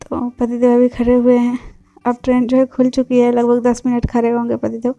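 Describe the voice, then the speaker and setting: A woman's voice: on the high side, monotone, fairly quick, dark tone, dry recording, dull audio. Young female vlogger from Bihar, chatty and rambling, dry close sound, faint music underneath. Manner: chatty, repetitive, filler-heavy. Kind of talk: casual vlog narration.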